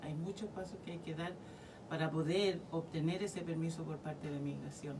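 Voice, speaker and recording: A woman from Chile with a Chilean accent, a community legal worker explaining rules as a radio interview guest in a measured way. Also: low voice, fairly even intonation, recorded from a distance, noisy background.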